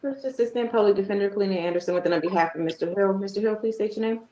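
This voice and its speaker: A woman's voice: medium pitch, very fast, warm tone, reverberant, slight background noise. A woman speaking as a public defender in a courtroom recording, addressing the judge.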